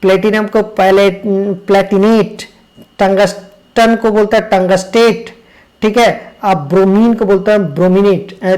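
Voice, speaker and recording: A man's voice: high voice, a little mellow. A man teaching chemistry from handwritten notes. He spells terms out letter by letter, keeps checking "okay", and corrects himself mid-word. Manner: spells out words letter by letter, repeats "okay" often. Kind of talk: explaining handwritten lecture notes.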